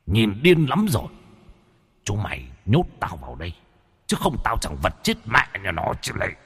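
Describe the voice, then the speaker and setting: Casting: man playing a low, gruff, cursing male ghost, quiet and close. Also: huge pitch swings, normal speed, big-room sound, exaggerated voice. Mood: accusing. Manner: cursing, growling.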